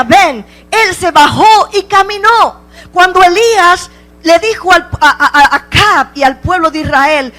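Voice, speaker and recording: Male pastor, sermon delivery: emphatic, slow-stretched lines, rising to shouts, voice held way up high. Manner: impassioned, repetitive rhetorical questions, shouting at peaks; drawn-out emphatic phrases. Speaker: preacher. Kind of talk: Spanish-language sermon.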